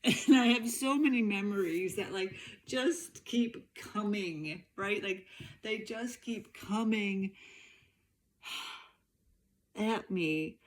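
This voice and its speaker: A woman's voice: mid-range voice, extremely slow. A middle-aged woman hosting a podcast, talking candidly in a rambling personal monologue full of fillers. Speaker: podcast host.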